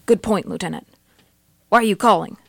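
A woman's voice: medium pitch, fairly quick, creaky, dry recording. A woman playing a matter-of-fact space crew member. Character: level-headed female space crew member.

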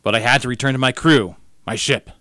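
A man's voice: medium pitch, a little fast, sharp tone, dry recording, studio quality, natural voice. A man playing a melodramatic starship officer. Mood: brooding. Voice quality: melodramatic, wistful, overwrought.

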